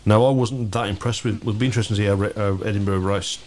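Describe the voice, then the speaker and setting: A man co-hosting a casual sports chat, talking rapidly and knowledgeably and often hedging his points. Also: fairly low pitch, fairly even intonation, slight background noise. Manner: rapid, knowledgeable, hedges with "to be fair". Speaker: podcast co-host.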